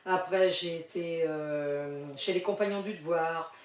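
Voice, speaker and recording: A woman's voice: fairly low pitch, a little slow. Chatty older woman, roomy distant sound. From western France countryside. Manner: chatty, lots of fillers, warm laughing asides. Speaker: interview guest. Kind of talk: casual interview chat.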